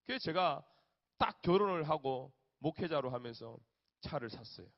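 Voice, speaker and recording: A man, a youth pastor telling lively stories in his sermon. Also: on the high side, normal speed. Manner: animated storyteller, acts out family voices. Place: church hall. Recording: dull echoey church hall recording.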